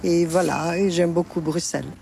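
A woman's voice: on the low side, steady tone, normal speed, vocal fry, background noise. An older woman of Portuguese origin answering interview questions in a frank, plain-spoken way. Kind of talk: street interview.

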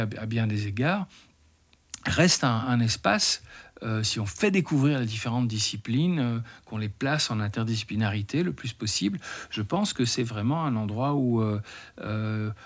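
A man's voice: fairly low pitch, normal speed. A man, a guest in an interview who talks thoughtfully with many fillers and restarts. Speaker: interview guest, teacher trainer. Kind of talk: radio interview conversation.

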